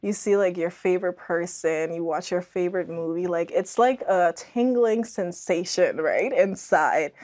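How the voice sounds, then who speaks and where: Seated in a small studio, a young Bahamian author from Andros talks earnestly and thoughtfully as a podcast guest in a conversational interview. She speaks unhurriedly with few pauses, in a lowish, slightly mellow voice.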